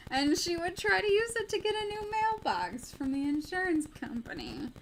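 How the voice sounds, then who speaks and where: A woman's voice: very high voice, very animated, unhurried, noisy background. A woman hosting a news livestream in casual, giggly chat. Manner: giggly, chatty.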